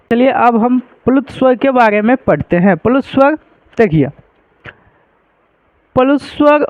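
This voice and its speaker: A man's voice: high-pitched, dry recording, highs cut off. A man teaching a grammar lesson to students, repeating points and asking rhetorical questions to check they follow.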